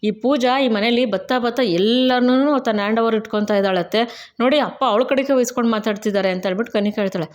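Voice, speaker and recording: Fast-talking woman recapping a TV serial. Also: on the high side. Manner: chatty, retells scenes with quoted dialogue, asks viewers to subscribe. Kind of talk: casual storytelling recap.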